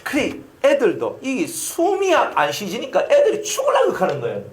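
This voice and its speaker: A man's voice: very high-pitched, huge pitch swings, moderate pace. A male pastor with a Gyeongsang accent preaching a sermon, telling stories with sound effects and questions to the congregation. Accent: Gyeongsang Korean. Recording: roomy echoing hall.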